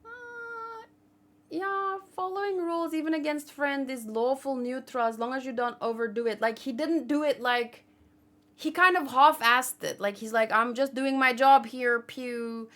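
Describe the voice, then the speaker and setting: The host of a manga read-along channel, this woman speaks unhurriedly in a high, somewhat bright voice. Her remarks are casual and drifting, as she thinks aloud and keeps questioning herself.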